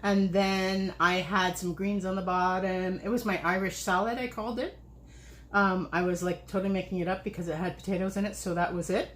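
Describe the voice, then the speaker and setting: A woman's voice: mid-range voice, roomy sound. A woman hosting a casual cooking livestream, chatting and rambling as she cooks and laughing often. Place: home kitchen.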